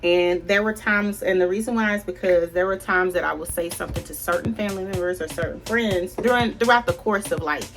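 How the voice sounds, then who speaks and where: A woman's voice: lowish voice, a little fast, hardly any pauses. Rambling woman vlogging over faint music. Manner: rambling, confiding, addresses viewers as y'all. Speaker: beauty vlogger. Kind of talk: casual chat while doing makeup.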